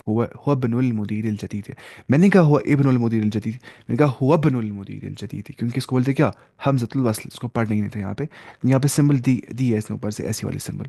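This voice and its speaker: Man, pakistani urdu accent, arabic teacher, mellow voice, dry close sound. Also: medium pitch, vocal fry, dry recording. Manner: reads Arabic phrases then translates each into Urdu, repeating them. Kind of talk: explaining a grammar lesson.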